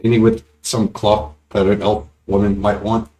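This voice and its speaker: A man's voice: on the low side, little pitch movement, moderate pace, mellow. A man chatting casually as a player in a tabletop fantasy game.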